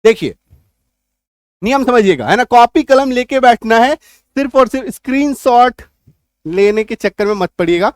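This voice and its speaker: A man teaching an English spelling lesson, explaining step by step, spelling words out slowly and loudly, and often asking whether the class is following. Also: very high voice, lively intonation, dry recording, studio quality. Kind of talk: spoken language lesson.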